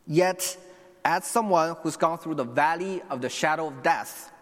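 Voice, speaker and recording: In a big, echoing room, a young Chinese man earnestly preaches to the people in front of him. His voice sits a little high and he takes his time, often restarting and turning aside to address the congregation.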